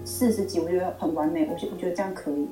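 Fast-chatting woman, echoey room. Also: on the low side, fairly even intonation, dark tone. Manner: chatty, rambling, lots of fillers. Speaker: student and mother. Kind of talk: casual chat. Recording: roomy echo, music under.

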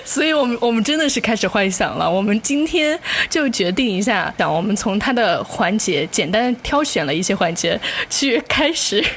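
A woman hosting a casual podcast chat, guiding the segments and reacting in an expressive, teasing way. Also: medium pitch, moderate pace, few pauses, slight background noise. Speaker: podcast host.

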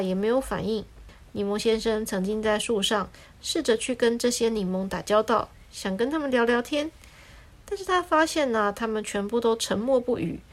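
Woman reading a children's story. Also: a little high. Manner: gentle, explaining, with drawn-out filler words.

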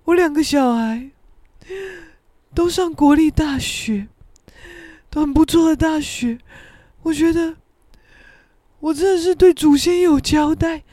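A woman's voice: high-pitched, no room sound, clean studio sound, voice pushed up, lightly acted. Woman quoting her tearful, proud father. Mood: tearful pride. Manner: choked, slow, sentimental boasting. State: crying. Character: emotional middle-aged father crying with pride.

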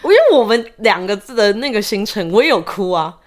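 A woman's voice: mid-range voice, lively intonation, fairly quick. A woman co-hosting a podcast in casual chat, telling her own stories expressively with laughter and English words mixed in. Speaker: podcast co-host.

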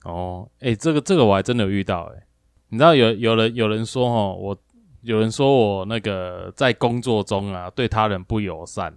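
A man, co-hosting a talk show and telling a workplace story in a lively, animated way, acting out both sides of an argument. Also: lowish voice, normal speed, clear, resonant tone, no room sound, clean studio sound. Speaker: co-host of a speaking-skills livestream. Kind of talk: casual storytelling chat.

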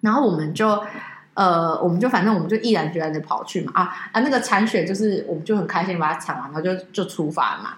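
A woman's voice: on the low side, fast talker. A woman, co-hosting a casual chat and telling a story animatedly. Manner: animated storyteller, acts out quoted dialogue. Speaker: podcast co-host. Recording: echoey room.

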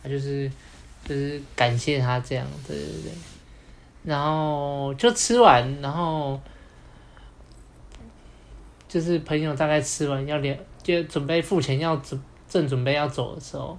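A man's voice: on the high side, measured pace, long pauses. A young man with a Taiwanese Mandarin accent, telling a personal story as a podcast co-host, rambling along with many fillers. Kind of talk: casual storytelling chat.

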